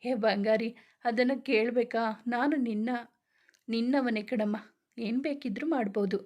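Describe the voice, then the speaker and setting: A woman's voice: fairly high pitch, fairly even intonation, moderate pace, a little mellow, natural voice. A woman voicing a playful, affectionate young husband who teases and coaxes his new wife. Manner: teasing, coaxing.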